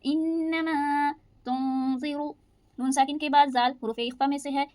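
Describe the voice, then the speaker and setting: High-voiced woman teaching Quran recitation. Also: flat delivery, a little mellow, no room sound. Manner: patient, explains each rule and recites slowly. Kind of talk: step-by-step recitation lesson.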